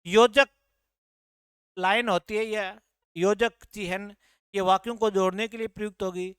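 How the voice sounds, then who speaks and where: A man's voice: high voice, steady tone, unhurried, a bit bright, clean tone, no echo. A man teaching a grammar class, explaining patiently and repeating key points as he points to the board.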